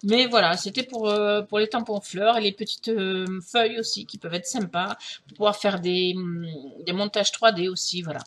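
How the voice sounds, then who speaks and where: A woman's voice: mid-range voice, fairly even intonation, normal speed, a little hiss or hum. A middle-aged woman from France chatting casually through a craft haul, hesitant, with many fillers and restarts. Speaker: craft vlogger.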